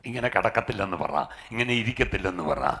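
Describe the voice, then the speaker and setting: A man's voice: fairly low pitch, lively intonation, brisk, creaky, bright, forceful tone. A middle-aged man preaching a sermon as pastor. He punctuates his talk with frequent hallelujahs and rises into emphatic calls.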